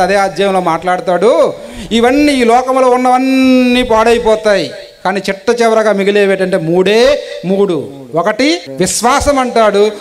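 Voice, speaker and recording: A man preaching a sermon, politely asking his listeners question after question and swinging between raised and hushed delivery. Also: sits high. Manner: polite, asks the listeners many rhetorical questions.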